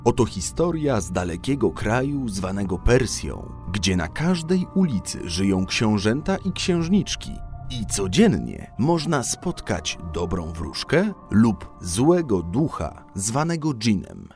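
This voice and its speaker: A man reading a fairy tale aloud as a storyteller, in an expressive storybook manner. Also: fairly low pitch.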